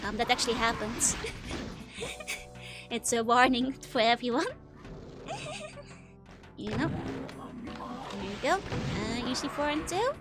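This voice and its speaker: Over loud music, the young Dutch VTuber from the Netherlands speaks slowly in a fairly high voice, pausing often. She chats casually about the game and reads chat, rambling with fillers and giggles.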